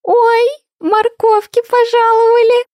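A woman voicing a greedy, playful female guinea pig in a squeaky, giggly, flirty voice. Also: flat delivery, slow pace, darkish tone, dry recording, studio quality.

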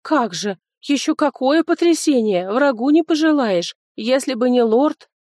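A woman reading an audiobook, voicing a chattering young female servant who gossips in excited exclamations. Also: sits high, unhurried, no echo, studio quality, voice pushed up. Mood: fussing.

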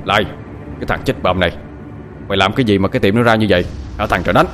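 A man voicing a frantic middle-aged shopkeeper father who scolds loudly and wails over his son. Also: on the low side, fast talker, soft background music, close to an everyday voice. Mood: scolding. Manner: scolding, then wailing.

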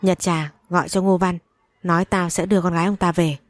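A woman's voice: lowish voice, little pitch movement, fairly quick, no echo, natural voice. A woman reading as a cold, arrogant rich young man. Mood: contemptuous. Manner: contemptuous, curt.

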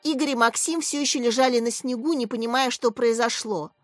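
A woman narrating a story in a steady, expressive scripted reading. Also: a little high, brisk, no room sound, soft background music.

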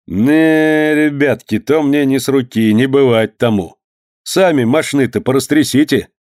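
A man reading aloud, voicing a boastful, hot-tempered rich merchant in a loud, scornful way. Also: medium pitch, measured pace, dry recording, clean studio sound, voice pushed up, lightly acted. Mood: mocking. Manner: loud, scornful tavern talk.

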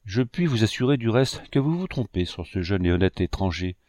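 A man reading aloud, voicing a calm, measured older painter who speaks like a father to his students. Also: lowish voice, no room sound, clean studio sound, lightly acted. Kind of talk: audiobook reading.

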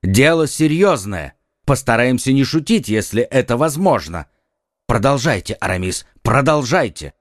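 A man reading an audiobook, voicing a quick-witted young swordsman who speaks urgently and takes charge. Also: mid-range voice, big pitch swings, dry recording, clean studio sound, natural voice. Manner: earnest, urgent, commanding. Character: quick-witted young male Gascon swordsman, eager leader.

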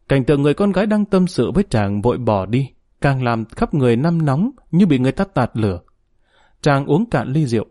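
Guy reading a story audiobook, mid voice, calm even pace, dry sound. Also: medium pitch, no room sound. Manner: steady, measured storytelling. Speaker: narrator. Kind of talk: audiobook narration.

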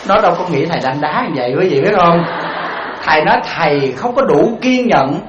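There's background noise as a man with a somewhat high, brisk voice delivers a dharma talk in the role of a Buddhist monk. Animated, he performs quoted voices and asks his audience rhetorical questions, all recorded in a roomy, slightly dull hall.

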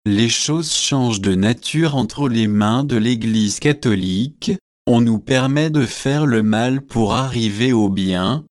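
A man reading an eager young student, slow. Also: mid-range voice, darkish tone, dry recording, studio quality, natural voice. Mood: arguing. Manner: slow, measured delivery.

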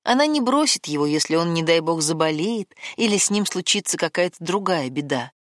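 A woman narrating a novel as an audiobook, with an expressive, varied reading. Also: lowish voice, brisk, dry recording, studio quality.

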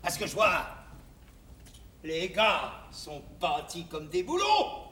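A high-pitched, barking drill-sergeant recruiter. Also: male voice, huge pitch swings, slow pace, pushed and bright, full character voice. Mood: officious, appraising. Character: male army sergeant recruiting soldiers, bullying, sly and jeering. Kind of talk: theatrical stage acting. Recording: echoey theatre stage, distant microphone.

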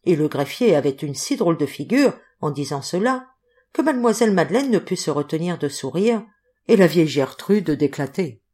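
A woman narrating a classic novel as an audiobook reader, in a clear, steady reading. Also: low voice, normal speed. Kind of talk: literary narration.

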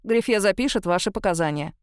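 A cold senior police officer, as a woman reads him, delivering orders in a flat, formal voice. The audiobook read is close and dry. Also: mid-range voice, fast, clear, resonant tone, no echo, natural voice. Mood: detached.

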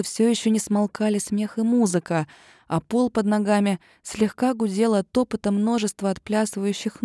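A woman narrating a first-person fantasy audiobook with tense, expressive storytelling. Her voice sits at a middle pitch. The recording is dry and close, with no room sound. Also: no room sound.

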